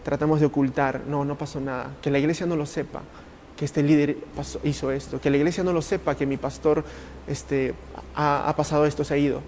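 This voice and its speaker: An Italian man, a ministry coach, speaks in a podcast interview with earnest passion, though his phrasing is halting and repetitive. His voice is a little high and darkish in tone, with little pitch movement, and a slight hiss or hum is audible.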